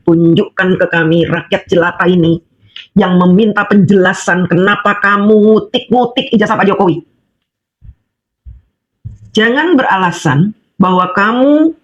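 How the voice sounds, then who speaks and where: A woman rants straight at her opponents, scolding and mocking them and hammering on with repeated rhetorical questions. She speaks as an ordinary housewife with something to say. The recording is dull and lo-fi. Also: medium pitch. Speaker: housewife voicing political opinion. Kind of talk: angry monologue addressed to critics.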